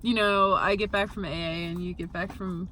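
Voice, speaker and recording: A young woman with a bright, forceful voice, chatting casually into the camera for her vlog. She tells her story with little giggles between phrases, over a faint hum of background noise. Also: on the low side, fairly even intonation, moderate pace. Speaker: vlogger. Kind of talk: casual chat.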